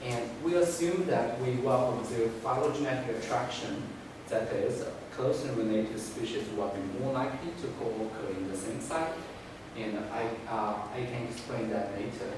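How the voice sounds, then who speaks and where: A man who speaks as a gives an academic thesis defense presentation in a halting, hedging way with frequent restarts. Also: medium pitch. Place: indoor room, recorded from a distance. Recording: echoey room, distant mic, noisy background.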